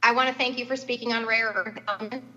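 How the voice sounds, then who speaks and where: A woman lawmaker questions a witness over a bad remote connection that keeps breaking up. She speaks politely, with halting restarts. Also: a little high, fairly even intonation, sharp tone. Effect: breaking-up remote call connection. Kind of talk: formal questioning at a remote hearing. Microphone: remote call line. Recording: dull lo-fi remote call audio.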